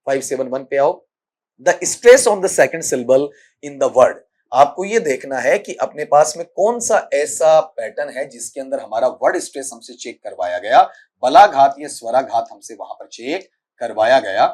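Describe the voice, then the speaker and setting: Medium-pitched and darkish, with lively intonation at a moderate pace, a Rajasthani-accented man teaches English grammar for an upcoming exam. He breaks each point down step by step and quizzes the class, addressing students as "beta."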